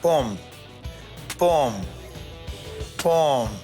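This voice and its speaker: A man shows how a recipe is made, step by step. He sounds upbeat and animated. Music plays clearly behind him. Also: a little high, drawn-out words. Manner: upbeat, animated, talks through each step. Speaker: TV chef. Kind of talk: cooking demonstration.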